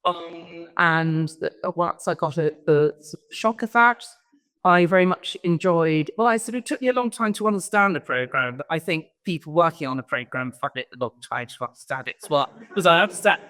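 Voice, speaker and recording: A woman's voice: fairly low pitch, animated, fairly quick, fairly bright tone. A woman giving an informal conference talk as a guest speaker, rambling and often interrupting herself. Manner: rambling, self-interrupting storyteller. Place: large event hall. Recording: long hall reverb.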